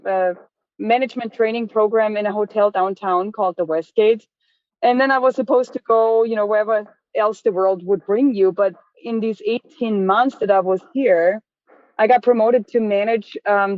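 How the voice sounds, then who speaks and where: An Austrian woman who runs a chocolate business tells her story as an interview guest, chatting freely with many restarts and fillers. Her voice is mid-range, there's no room sound, and the line sounds dry and tinny, like a phone.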